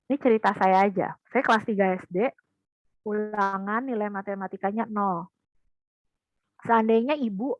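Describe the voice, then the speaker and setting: Lively storytelling woman, dry close sound. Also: mid-range voice, no echo, rough recording. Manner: lively storytelling, addressing parents directly. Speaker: parenting speaker. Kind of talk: parenting talk in an online seminar.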